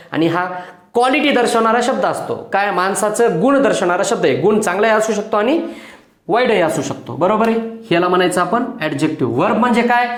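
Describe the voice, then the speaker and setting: A male English teacher, explaining grammar to pupils in a lively classroom manner, repeating his points and asking the class questions. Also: sits high, roomy sound. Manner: affectionately addresses pupils as children.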